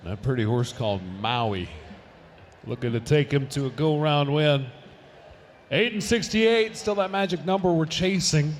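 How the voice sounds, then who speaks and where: A man's voice: fairly high pitch, unhurried, slight background noise. A man announcing a rodeo live, calling the runs with rising energy and reading sponsor and event notices. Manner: energetic, swells to shouts on runs.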